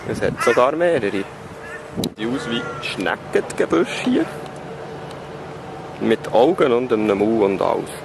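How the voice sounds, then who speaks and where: A travel vlogger walks through a city park and streets outdoors, giving casual, wry commentary. His medium-pitched, gravelly voice is very animated yet unhurried, with frequent pauses, and the outdoor street and park audio is very noisy.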